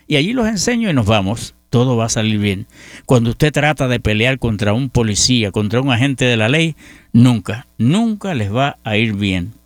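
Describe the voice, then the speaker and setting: A middle-aged Puerto Rican radio news host with a Puerto Rican Spanish accent runs a news roundup with personal commentary, chatty and folksy, treating listeners like friends. His mid-range voice has a fairly bright tone and no echo.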